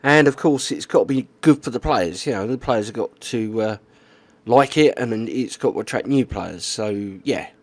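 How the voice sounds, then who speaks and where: Guy, mid-pitched voice, walks you through it plainly, dry close sound. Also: moderate pace, no room sound. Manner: keeps checking in with "okay?" and "right". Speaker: YouTuber. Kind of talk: explanatory casual monologue.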